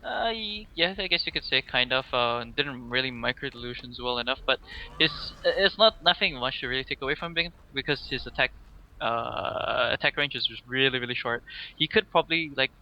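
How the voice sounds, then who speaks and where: A male co-caster breaks down an esports match in a loose, halting way, padding his thoughts with fillers. His voice is very bright and cutting, at a middle pitch. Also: lively intonation, muffled recording. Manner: casual, hesitant, many fillers. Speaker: esports co-commentator. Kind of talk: color commentary on a game.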